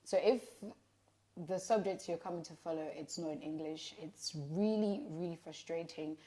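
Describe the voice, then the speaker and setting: Mellow, low-voiced woman. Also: moderate pace. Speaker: interview guest. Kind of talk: candid conversational interview.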